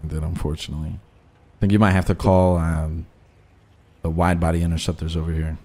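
A man's voice: low-pitched, level tone, brisk, mellow. A man role-playing a crew boss in a live game stream, bossy and joking, giving his crew pep talks.

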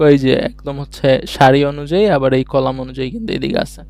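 A man's voice: mid-range voice, fast talker, darkish tone, faint music behind. A man teaching a beginners' language lesson online, explaining each step patiently and answering his own questions as he goes. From Bangladesh.

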